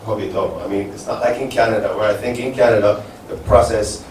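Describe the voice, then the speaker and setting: A man's voice: on the low side, fairly even intonation, fast talker, darkish tone. Earnest man speaking in an echoey hall. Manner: rambling, restarts often, earnest. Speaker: business speaker at a symposium. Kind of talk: live panel talk answering audience questions. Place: resort event hall. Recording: echoey event hall from far off, faint noise.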